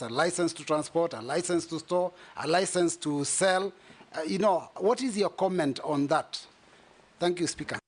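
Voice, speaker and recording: A man with a Kenyan accent questioning a nominee in a parliamentary hearing, halting, with many fillers and restarts. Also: fairly high pitch. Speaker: member of parliament on a vetting panel.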